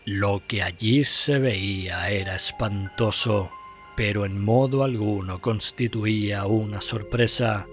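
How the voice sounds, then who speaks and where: A man reading a horror story aloud in a grave, measured storytelling manner. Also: fairly low pitch. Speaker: narrator. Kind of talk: scripted horror story narration.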